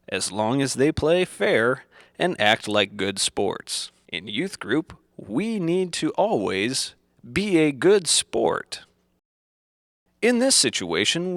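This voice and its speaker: In the style of an old educational film, a man reads scripted instructional narration in simple phrases, deliberate and didactic. His medium-pitched voice is a bit bright, recorded at studio quality with no echo.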